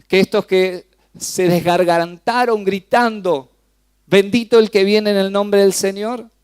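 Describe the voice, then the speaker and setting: A man from Argentina with a Rioplatense Spanish accent preaching a sermon in church, swinging from loud outbursts to hushed, slow phrases. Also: a little high. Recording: soft piano music behind the voice.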